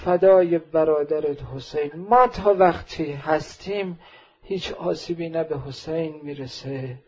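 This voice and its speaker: A bold elder warrior shouts for his comrades and pledges everything, loud and commanding, as a male preacher acts him out. The voice is husky and fairly high. The recording is dull and lo-fi. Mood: rallying. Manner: loud commanding quoted calls. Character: elder male warrior rallying companions boldly.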